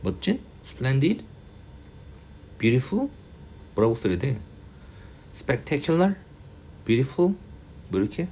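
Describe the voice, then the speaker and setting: A male English tutor going through a reading passage, reading the English slowly and explaining in quick asides, often muttering and grumbling to himself. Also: mid-range voice, big pitch swings, warm tone, a little hiss or hum. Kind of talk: casual reading-passage lecture.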